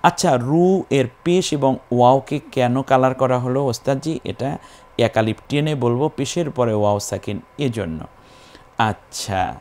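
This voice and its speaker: A man's voice: medium pitch, darkish tone. A man teaching Quran recitation, patiently spelling syllables and stretching the vowels as he chants them. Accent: Bangladeshi Bengali.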